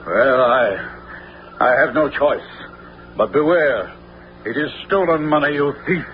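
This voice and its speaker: An actor playing a greedy, pompous, vengeful sheriff in a radio adventure, with a blustering theatrical delivery. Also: male voice, mid-range voice, lively intonation, a little slow, lightly acted. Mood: indignant, cornered. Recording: dull, lo-fi radio recording with faint noise.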